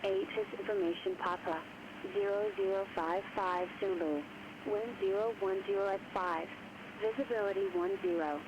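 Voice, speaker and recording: An automated airport weather broadcast reading out wind, sky, altimeter and runway information in a flat recorded manner. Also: mid-range voice, moderate pace. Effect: automated airport weather broadcast over the radio. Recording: muffled radio broadcast with loud hiss.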